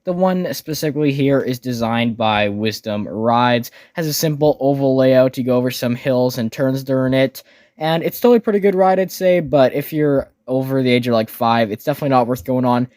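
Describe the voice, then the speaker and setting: Male ride reviewer, informal and keen, medium pitch, very dry sound, casual voice-over commentary. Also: moderate pace, darkish tone, dry recording. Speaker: narrator reviewing amusement park rides.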